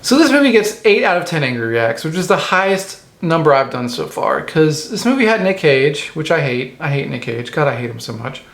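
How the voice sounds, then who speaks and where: A man's voice: fairly high pitch, very animated, a little fast, gravelly, few pauses, fairly bright tone. Profane ranting man in an echoey room. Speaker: movie reviewer. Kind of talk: comedic ranting movie review. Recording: roomy echo.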